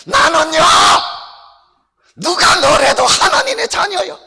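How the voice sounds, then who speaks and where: Bold, brassy lady puppet, voiced by a man, very high and bright, ventriloquist act in a reverberant sanctuary. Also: big pitch swings, takes it slowly, creaky, exaggerated voice. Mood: proud. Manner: brassy, teasing, shouting at the crowd. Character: bold, sassy middle-aged lady puppet. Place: church sanctuary. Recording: long church-hall reverb.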